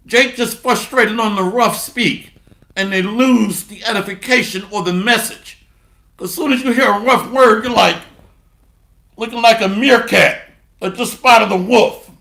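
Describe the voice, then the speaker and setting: A man's voice: high voice, a little slow, gravelly, bright, forceful tone, reverberant. A man preaching a blunt, mocking sermon with scripture readings and rhetorical call-outs.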